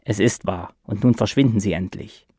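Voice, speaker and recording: A grumpy, indignant man in his mid-forties hisses and croaks his replies, lower and quieter than the teller's own voice, as a man puts him on in a storybook reading. His tone is dark and mellow, recorded dry and close. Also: normal speed, dry recording. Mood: irritated. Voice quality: croaky, hissing.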